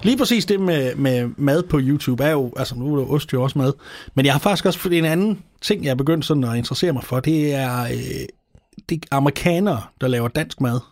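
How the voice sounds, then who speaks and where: A man's voice: mid-range voice, a little mellow, no room sound, clean studio sound. A man from Denmark hosting a podcast, chatting with playful, ranting exaggeration. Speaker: podcast host. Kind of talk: comedic casual chat.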